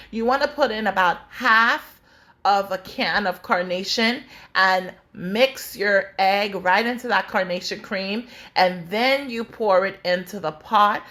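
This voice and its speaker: A woman's voice: medium pitch, sharp tone. A woman from the Bahamas hosting a cooking show, chatting through each step of a recipe and calling her viewers "guys".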